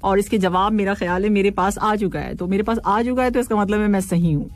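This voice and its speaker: A woman hosting a casual radio show, reading listener messages, playful and quick to laugh and tease. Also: medium pitch, no room sound, faint music behind. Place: radio studio.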